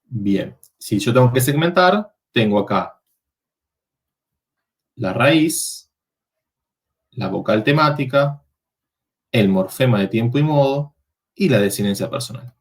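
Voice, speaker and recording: A man's voice: medium pitch, expressive, takes it slowly, pauses often. A man teaching a university Latin workshop, explaining verb forms step by step and checking in with the students.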